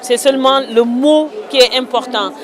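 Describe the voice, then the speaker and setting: Outdoors in a town, with crowd noise and chatter around her, an author from Senegal responds to an interviewer in a thoughtful, hesitant way, using many fillers. Her voice sits high, and she talks at a normal speed.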